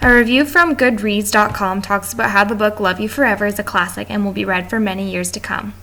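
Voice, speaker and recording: A woman's voice: medium pitch, steady tone, brisk, pushed and bright, a little hiss or hum. A woman reading a class presentation aloud from notes, with small stumbles and restarts. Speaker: student presenter.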